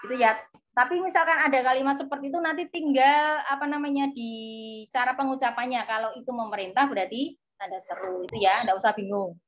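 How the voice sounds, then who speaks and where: Javanese-accented woman teacher with a high, patient voice for an online class, captured on dull lo-fi audio. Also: quick pace, a little hiss or hum. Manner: patient, coaxing, tags sentences with a soft "nggih". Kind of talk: online exam-prep class.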